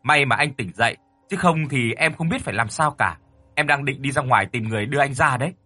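A man voicing a timid young boy, the scared younger brother, in a narrated ghost story, speaking in a high pleading voice. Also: fast, pushed and bright, slightly rough, faint music behind. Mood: relieved, plain.

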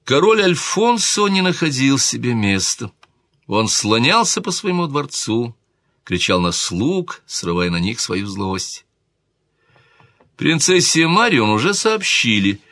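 A man narrating a historical tale in a measured audiobook reading. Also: mid-range voice, bright, forceful tone, dry recording, clean studio sound. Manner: measured storytelling.

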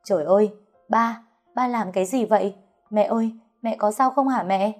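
A woman's voice: mid-range voice, normal speed, a little mellow, soft background music, lightly acted. A woman voicing a defiant, desperate young adult daughter in a storybook reading, speaking in raised outbursts. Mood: alarmed.

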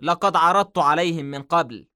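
A jittery young man in a novel read aloud, voiced by a man. His speech is tense and uneasy. The pitch sits higher than the narrator's plain voice. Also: brisk, pushed and bright, clear, resonant tone. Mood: anxious. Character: nervous, anxious young man under pressure.

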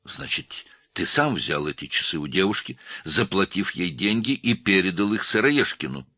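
A man voicing a tense, pushy middle-aged gangster with a hoarse voice, pressing with raised, impatient questions. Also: low voice, very animated, moderate pace, bright, forceful tone, no room sound, studio quality, pitched above the performer's own voice, full character voice.

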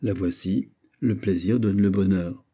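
A man voicing a witty, playful poet who argues with quick teasing replies in an audiobook. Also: deep voice, steady tone, dark tone. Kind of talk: audiobook character voice.

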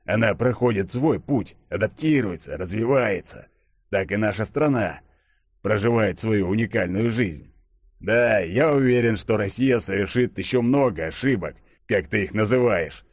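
A man voicing a seasoned, stern male chief who speaks in a gruff, measured, growling way. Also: on the low side, animated, dry recording.

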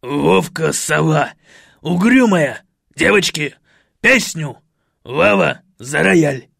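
A man's voice: a little high, expressive, vocal fry, slightly rough, dry recording, studio quality, heavily acted. A man reading an audiobook voices a wild, boisterous partygoer who bellows orders and stretches out his words. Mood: rowdy. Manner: shouting, drawn-out exclamations. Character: wild, boisterous party-loving man, rowdy host type.

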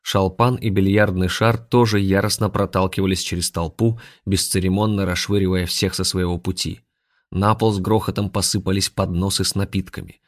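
Deep-voiced man narrating a story. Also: fairly even intonation, moderate pace, dry recording, studio quality. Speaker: audiobook narrator.

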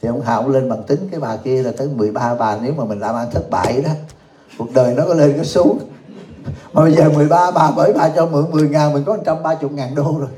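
A man's voice: medium pitch, fast talker, warm tone, a little hiss or hum. A man giving a humorous Buddhist Dharma talk to a live audience. He jokes, laughs often and keeps asking the listeners questions. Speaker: Buddhist teacher. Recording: echoey room.

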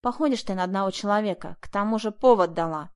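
A woman reading an audiobook, voicing a suspicious, pushy male bandit with a hoarse, gruff way of questioning. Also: medium pitch, fast, darkish tone, close to an everyday voice. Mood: dismissive.

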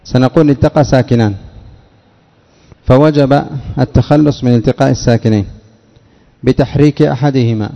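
A man's voice: mid-range voice, dark tone, in a large hall, lo-fi sound. A man, a sheikh, teaching a classroom lesson on Arabic morphology, stretching out key words and quizzing his listeners with short questions.

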